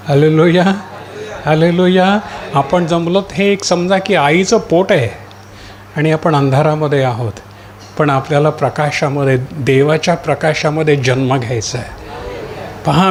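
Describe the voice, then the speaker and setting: A male pastor delivers a sermon in a fairly high voice. He asks his congregation questions and answers them, drawing out the scripture readings slowly between calls of hallelujah. Faint noise sits beneath the recording. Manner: repeated cries of hallelujah; slows down to read scripture.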